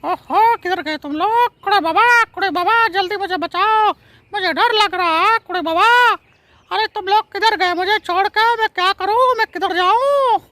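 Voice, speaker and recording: A tiny cartoon creature squealing for rescue. The voice is far above the performer's usual range, squeaky and quick, with a dry close sound. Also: male voice, sharp tone, dry recording. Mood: panicked. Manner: squeaky, repeats calls rapidly.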